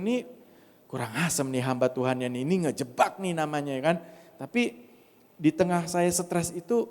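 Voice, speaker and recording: A man preaching a sermon, telling personal testimony in an animated way and often turning to address the congregation directly. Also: on the high side. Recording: long hall reverb.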